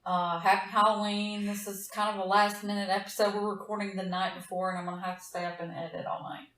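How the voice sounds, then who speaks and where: A woman's voice: mid-range voice, little pitch movement, fast talker, fairly bright tone. Southern woman host, roomy and distant. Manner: rambling, laughs easily, blunt. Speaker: podcast host. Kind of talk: casual true-crime chat, reading case notes.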